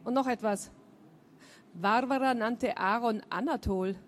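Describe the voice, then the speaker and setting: A woman author giving a calm, measured reading from her own novel at a book fair event. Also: a little high, a little hiss or hum.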